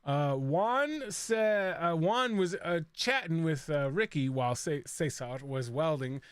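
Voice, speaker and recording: A man with a notably high voice runs a casual recap conversation. He is chatty and keeps breaking into laughter partway through sentences. The sound is dry and close, with no room around it. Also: expressive, slow, clean tone, no room sound. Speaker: podcast co-host.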